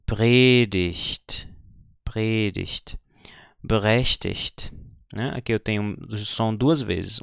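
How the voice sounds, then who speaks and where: A man's voice: on the low side, vocal fry, smooth, no echo, dull audio. Patient man teaching pronunciation. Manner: patient, repeats example words slowly with frequent "né?" and "ok?". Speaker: German teacher. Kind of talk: explaining pronunciation lesson.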